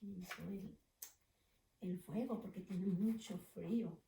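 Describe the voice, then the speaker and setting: A woman, a preschool teacher, reading a storybook aloud to children slowly and gently, stopping to ask them questions. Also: mid-range voice, vocal fry, slight background noise. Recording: echoey room, mic far off.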